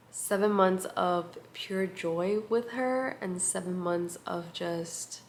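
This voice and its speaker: Speaking into a compact camera mic, this vlogger catches up with viewers in a relaxed, reflective way, pausing often and using plenty of fillers. Her lowish voice is soft, creaky, nasal and congested, and a little hiss or hum runs under the audio.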